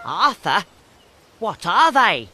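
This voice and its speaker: A woman voicing a small excitable dog in a children's textbook audio story, worried and childlike. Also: mid-range voice, slow pace, a little hiss or hum, heavily acted.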